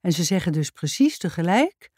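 A playful young male teacher who chats and jokes with his class in a children's story, as a woman reading the book puts him on. He sounds a little brighter and livelier than the narration, in a dry, close recording. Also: fairly low pitch, very animated, normal speed, no echo. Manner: playful, chatty. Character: cheerful young male schoolteacher, joking.

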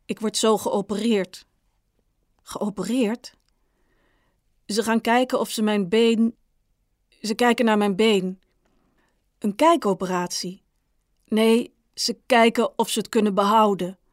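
A woman's voice: medium pitch, fairly even intonation, slow, pauses often, no echo, lightly acted. Woman voicing a scared weepy brother in hospital, snaps when pushed, dry close sound. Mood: tearful. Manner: tearful, then snapping angrily. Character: distraught middle-aged man, diabetic brother in hospital.

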